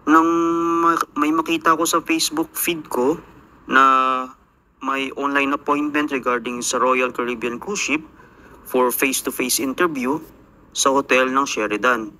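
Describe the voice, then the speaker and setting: A man's voice: medium pitch, fairly even intonation, a little slow, bright, forceful tone. A young Filipino man, an overseas worker, telling his life story in a reflective, earnest voice-over. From Philippines.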